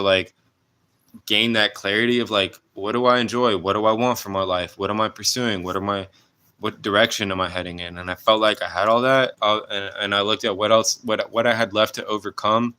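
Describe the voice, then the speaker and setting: Deep, bright-toned man reflecting earnestly. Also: smooth. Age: 20s. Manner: earnest, halting, many restarts and fillers. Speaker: vlogger. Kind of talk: reflective personal vlog.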